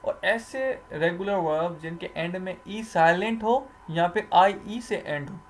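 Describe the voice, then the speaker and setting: A man teaching English grammar, explaining slowly, repeating rules and answering his own questions. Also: high-pitched, slight background noise. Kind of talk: recorded grammar lecture.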